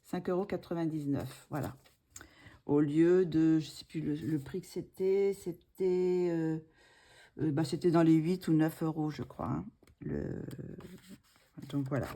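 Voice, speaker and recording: Casual vlogger woman, low mellow voice, hesitant delivery with lots of fillers. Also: unhurried. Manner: hesitant, many fillers and restarts. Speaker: art supplies vlogger. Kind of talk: casual haul video.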